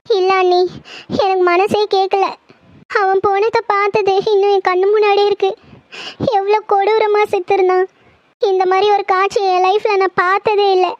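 A woman's voice: extremely high pitch, flat delivery, moderate pace, no echo. A woman voicing a grief-stricken young woman doctor, tearful and shaken, in a horror audio drama. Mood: distraught. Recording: dull lo-fi, dry.

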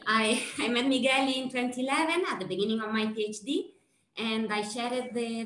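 A woman with an Italian accent introduces a speaker at a seminar, pausing on fillers and restarting her sentences. Her voice sits fairly high. The sound carries a roomy echo. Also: a bit bright. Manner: hesitant, many fillers and restarts.

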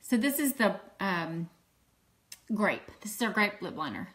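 In an unhurried, slightly bright mid-range voice full of big pitch swings, a woman in her fifties greets her livestream viewers and laughs easily. She has a mild Southern accent, comes from Louisiana, and sells makeup. The casual chat is recorded close up on her phone camera as she sits at a table at home.

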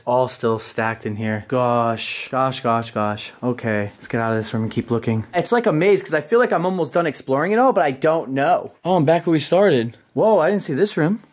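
A young man in his twenties hosting an exploration vlog inside a dark abandoned hospital, talking excitedly and exclaiming at what he finds, recorded on a handheld camera mic. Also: medium pitch. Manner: excitable, exclaiming, swearing casually. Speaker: urban explorer host.

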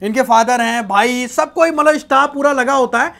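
A man's voice: very high-pitched, normal speed, vocal fry, a bit bright. A young man vlogging a shop tour in a large indoor clothing warehouse, chatting upbeat on a lapel mic and praising the stock. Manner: upbeat, repeated "kya baat hai" praise. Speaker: vlogger and interviewer. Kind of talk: promotional shop tour chat.

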